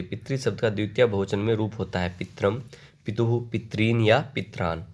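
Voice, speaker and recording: A man leads an online exam-prep lesson in a fairly low voice. He reads each question aloud, then recites the word forms in slow, rhythmic lists. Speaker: Sanskrit exam tutor.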